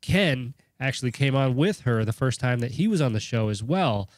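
A man's voice: medium pitch, expressive, moderate pace, no echo, studio quality. A man hosting a podcast while sick, his voice nasal, with a joking, self-deprecating manner. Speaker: podcast host. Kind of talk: podcast intro.

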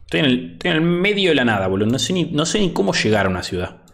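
A little high and fairly bright, his creaky, sing-song voice races along very fast: a young Argentine man in his 20s casually chatting on a gaming stream. Talking into an over-ear headset from a home room, he's laid-back and chatty, reads chat aloud and says "boludo" frequently.

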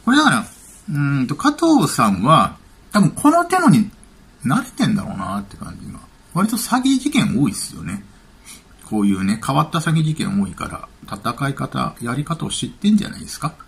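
A man's voice: mid-range voice, wildly swooping pitch, fairly quick, creaky, breathy edge. A man giving casual spoken commentary as a YouTube commentator, chatty and offhand, thinking aloud.

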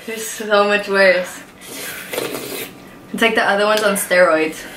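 Young woman talking slow, mouth burning from spicy food, casual, echoey room. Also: medium pitch, fairly even intonation. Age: young adult. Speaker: friend joining a food challenge. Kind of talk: casual chat. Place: small indoor room at a table. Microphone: camera a short distance away. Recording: roomy echo, faint noise, clicks.

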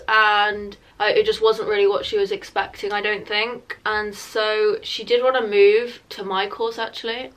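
Talking informally to camera in a small room at home, a British woman of twenty does a relaxed get-ready-with-me vlog, leaning heavily on "like." The camera sits roughly a metre off, and her mid-range voice has a fairly bright tone.

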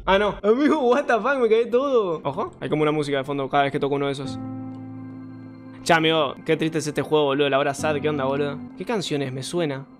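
A young Argentine man casually commenting on a game he plays, slangy, swearing and saying "boludo" a lot. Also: a little high. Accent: Argentine Spanish. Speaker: gaming streamer. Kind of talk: casual let's-play commentary.

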